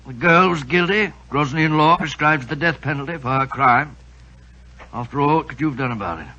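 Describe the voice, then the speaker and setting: An actor playing a flustered, soft-hearted English gentleman doctor with a British accent and gravelly voice, in 1940s radio drama style. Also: a little high, fairly quick, lo-fi sound. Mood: consoling. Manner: blustery, muttering, exclaiming. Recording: vintage 1940s radio recording.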